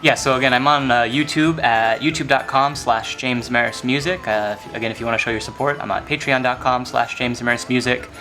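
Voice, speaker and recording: A man's voice: medium pitch, steady tone, brisk, few pauses, pushed and bright, faint music behind. A man appearing as a guest on a podcast, friendly and upbeat as he plugs his channels. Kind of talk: casual chat.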